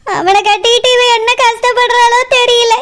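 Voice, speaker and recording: An emotional cartoon mother, played by a woman, grieving over her daughter and quick to flare at her mother-in-law. She speaks in a Kanyakumari Tamil accent. Her voice is very high and light. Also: fairly even intonation. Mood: tearful. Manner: emotional, sharp when angry.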